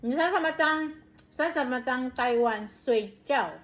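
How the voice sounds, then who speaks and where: A woman's voice: sits high, unhurried. A woman caregiver telling stories in a chatty way, in short phrases and with frequent laughter, recorded on a phone. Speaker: caregiver and vlogger. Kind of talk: casual storytelling chat.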